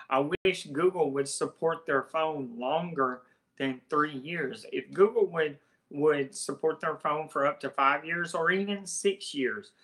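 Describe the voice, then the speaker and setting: Southern man, tech YouTuber, casual and hesitant delivery, bright forward tone. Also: fairly high pitch. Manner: rambling, hesitant, restarts phrases. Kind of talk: casual talk to camera.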